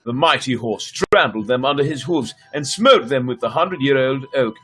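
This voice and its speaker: A man with a mid-range, animated voice that's a bit bright and husky reads at normal speed, with soft music underneath. He's a storyteller hosting a livestream, delivering fairy tales dramatically and playfully with chatty asides along the way.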